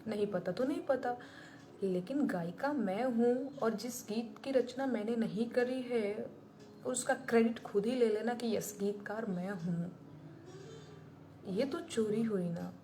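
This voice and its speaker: A woman's voice: a little high, unhurried, dark tone, slight background noise. Emphatic woman defending herself to viewers. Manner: emphatic and indignant, repeating points for stress. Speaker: singer and songwriter. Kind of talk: casual live chat with viewers, answering comments.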